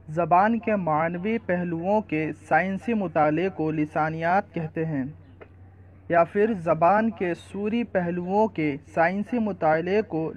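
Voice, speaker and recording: A man's voice: high voice, dull audio. A man reading out multiple-choice quiz questions and then stating each correct answer. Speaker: quiz presenter.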